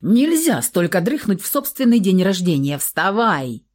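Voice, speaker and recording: A cheerful, teasing young vampire, voiced by a woman reading a story jokes in a lively, bouncing voice. The timbre stays soft and mellow. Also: medium pitch, unhurried.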